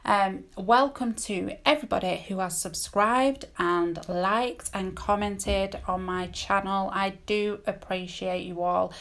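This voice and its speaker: A British woman talks through a tutorial in a casual, chatty way. Her voice sits at a middling pitch with plenty of creak. She rambles candidly and breaks off her own sentences as she goes. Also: fairly even intonation, slow, hardly any pauses, a bit bright. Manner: rambling, self-interrupting, candid. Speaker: nail technician and tutorial host. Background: dogs barking at times.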